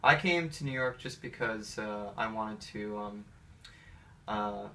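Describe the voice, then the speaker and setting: The interviewee is a thirty-something pianist from Atlanta with an American accent, whose fairly low voice comes out pushed and bright as he speaks slowly. His answers are casual, hesitant, rambling and personal. A distant microphone captures him along with faint background noise.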